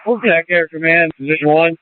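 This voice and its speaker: A security post officer gives clipped, matter-of-fact reports in radio dispatch traffic, heard as a tinny, dry two-way radio transmission. His voice is fairly high, a little fast, with no echo.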